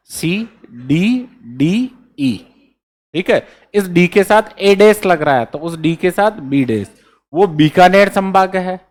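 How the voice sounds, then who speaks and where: A male teacher giving a classroom lecture, drilling memory codes letter by letter and checking in with students again and again. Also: high voice. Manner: keeps checking in with students, repeats key points. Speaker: exam-prep teacher.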